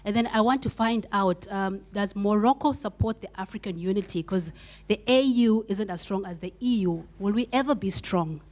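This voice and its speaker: A woman's voice: medium pitch, moderate pace, a little mellow. A woman from Zambia in the audience, politely asking a speaker a question with a few hesitations. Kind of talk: question from the floor.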